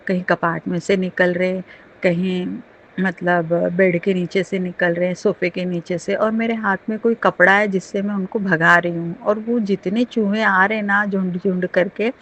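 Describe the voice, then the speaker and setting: A woman's voice: mid-range voice, a bit bright, a little hiss or hum. A middle-aged woman sharing a devotional testimony with her congregation, earnest and emotional, with many restarts and fillers.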